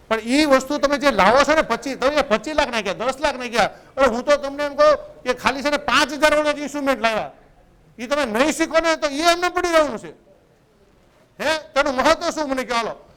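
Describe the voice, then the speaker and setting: Guy coaching photographers, really high voice, keeps going "right?". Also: fairly bright tone, clear, resonant tone, rough recording. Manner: conversational, keeps asking "right?" to check in. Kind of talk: motivational business lecture.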